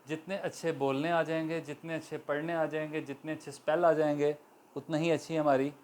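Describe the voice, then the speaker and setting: Guy teaching english grammar, kinda high voice, spells stuff out slow and repeats it. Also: little pitch movement, darkish tone, slight background noise. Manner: slow, deliberate, spells words letter by letter; explanatory, repeats examples for learners. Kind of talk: classroom-style grammar lesson.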